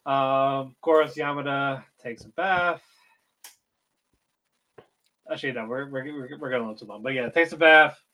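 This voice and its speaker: A man's voice: mid-range voice, normal speed, long pauses, pushed and bright. A man co-hosting a podcast, recapping an anime in casual chat, loose and full of fillers and swearing. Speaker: podcast co-host.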